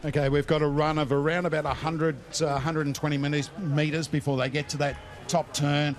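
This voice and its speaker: A man with an Australian accent and a slightly raised pitch, hosting a greyhound racing broadcast. He runs through form and odds in the manner of a betting tipster. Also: level tone, brisk, a little hiss or hum.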